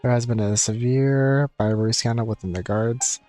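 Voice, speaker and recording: A man speaks at a normal speed in a steady, warm, medium-pitched voice while livestreaming a game. He chats casually and rambles, reading the game's text aloud over game music.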